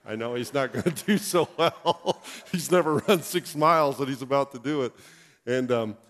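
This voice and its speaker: A middle-aged male pastor telling a funny personal story in an animated, anecdotal way, chuckling as he goes. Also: medium pitch, moderate pace. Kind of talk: storytelling sermon. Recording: long reverb in a hall.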